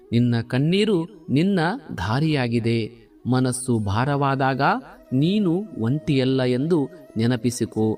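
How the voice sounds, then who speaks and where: Krishna, a man voicing the slow, solemn god. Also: medium pitch, a little mellow, close to an everyday voice. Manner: slow solemn consoling, lifts stressed words. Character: the god Krishna, calm consoling divine male. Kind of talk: devotional scripted monologue.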